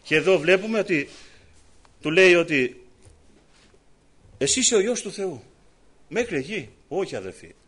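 A man preaching a sermon with passion, full of fillers and repeated phrases, who climbs high on his appeals and drops low when he calls the congregation brothers. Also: animated, long pauses, fairly bright tone, husky. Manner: impassioned, rises high in pitch on appeals, drops low on "αδελφοί". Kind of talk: evangelical sermon.

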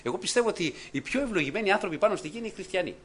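A man preaching a sermon to a congregation, swinging between loud exclamations and hushed murmurs and putting questions to his listeners. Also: high-pitched, animated, a little hiss or hum.

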